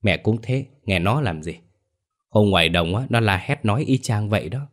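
A man voicing a brisk, practical grown daughter who scolds and brushes things off, in a spoken ghost story. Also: on the low side, expressive, close to an everyday voice. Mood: scolding. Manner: scolding, dismissive.

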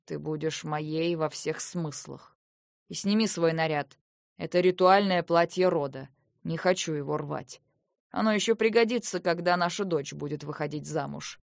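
A woman's voice: low voice, normal speed, vocal fry, dry recording, clean studio sound. A woman voicing a hissing, possessive male husband. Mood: cold. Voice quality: hissing, menacing. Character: possessive cold male elder-race husband.

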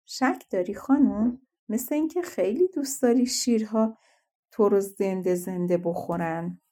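A woman voicing a boastful, scornful yellow dwarf man in a fairy-tale audiobook. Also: medium pitch, natural voice. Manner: mocking, self-satisfied.

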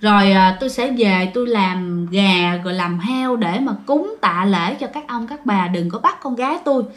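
A woman's voice: medium pitch, animated, normal speed, voice pushed down, natural voice. A woman voicing a grieving father who humbly begs the spirits to spare his daughter. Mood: pleading. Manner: humble pleading.

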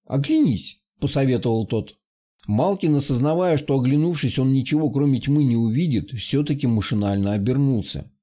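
A man narrating an adventure audiobook in a steady storytelling manner. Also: medium pitch, brisk. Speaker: audiobook reader. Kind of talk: scripted narration.

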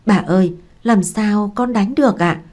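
A woman's voice: medium pitch, measured pace, darkish tone, lightly acted. A woman reading the part of a loyal young male servant who pleads with his mistress. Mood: pleading.

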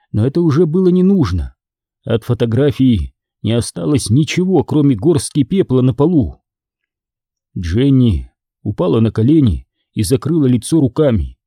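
A man reading a novel aloud as a narrator, with an expressive, dramatic delivery. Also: mid-range voice, husky, dry recording, clean studio sound. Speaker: audiobook narrator. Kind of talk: scripted narration.

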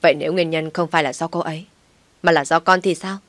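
A woman's voice: low-pitched, fairly even intonation, a little fast, fairly bright tone, no room sound. A woman voicing a restrained young husband. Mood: insistent. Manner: pleading, insistent. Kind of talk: audiobook story reading.

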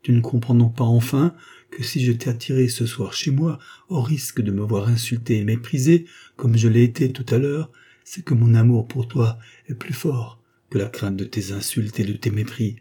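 A remorseful young woman pours out her pleas with fervent urgency, as a male audiobook reader puts her on. The tone stays husky and darkly mellow, lifted only slightly in pitch. Her manner is imploring throughout. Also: normal speed, close to an everyday voice. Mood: passionate. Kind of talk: audiobook dialogue reading.

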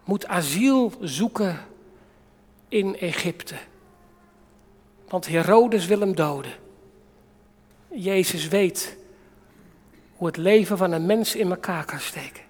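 Male preacher, dramatic sermon, swings from hushed to loud, long hall reverb. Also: sits high, slow pace, long pauses. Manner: dramatic, with acted-out quotes and big swings in loudness.

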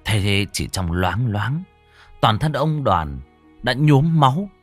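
A man's voice: medium pitch, big pitch swings, slow, no room sound, faint music behind. A man narrating a ghost story with a dramatic, varied delivery.

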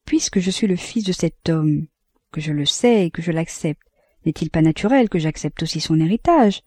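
A woman reading an audiobook voices a troubled young man, earnest and measured as he reasons with himself. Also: on the low side, expressive, a little mellow, no echo, clean studio sound. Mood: brooding. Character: troubled young man weighing his conscience.

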